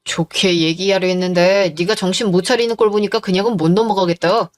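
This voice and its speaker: Woman playing a jealous bullying husband, sneering, crude, mid-pitched, dramatized story reading. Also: fairly even intonation, brisk, lightly acted. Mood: contemptuous. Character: jealous, abusive husband in his thirties, accusing and bullying.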